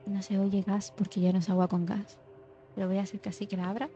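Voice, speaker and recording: A young female gaming streamer with a mid-range voice speaks quickly and flatly, chatting and muttering to herself during play. She sometimes drops into a teasing ASMR hush. Faint music can be heard, and the sound is slightly dull.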